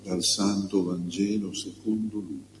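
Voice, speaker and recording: A man, a priest, reading the gospel and preaching a homily in a slow, measured, pausing way. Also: low-pitched, little pitch movement. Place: church. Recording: long church reverb, faint hum.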